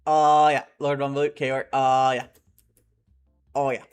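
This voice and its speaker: A young man streaming a game and chatting casually with his live chat, rambling and excitable and often laughing. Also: mid-range voice, slow, smooth, faint music behind.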